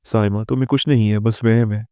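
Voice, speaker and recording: A man voicing a weary, torn young husband in a spoken moral story, in a low even tone. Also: smooth, no room sound, clean studio sound, lightly acted.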